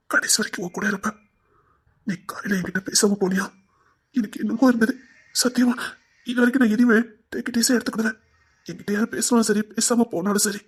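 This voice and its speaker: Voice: medium pitch, slightly rough. A performer playing a remorseful, short-tempered husband in an audio drama, apologetic and pleading, with a Tirunelveli Tamil accent. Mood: tender.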